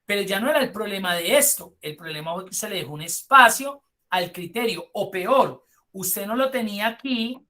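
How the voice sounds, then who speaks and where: Colombian male instructor, bright voice, live-class explainer who drifts into chatty asides. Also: sits high, expressive, moderate pace. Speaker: spreadsheet course instructor.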